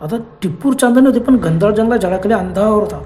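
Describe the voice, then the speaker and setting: A man narrating a spoken horror story in a plain, unhurried way. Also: high-pitched, expressive, dark tone, reverberant, a little hiss or hum.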